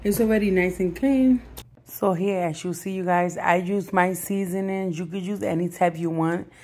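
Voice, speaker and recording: Raspy woman losing her voice, mellow sound, chatting to viewers in a casual cooking vlog. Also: lowish voice, normal speed. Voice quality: raspy, husky, breaking voice. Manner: addresses viewers familiarly, encouraging. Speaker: budget cooking vlogger. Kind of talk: casual chat to viewers over cooking demonstration. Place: home kitchen.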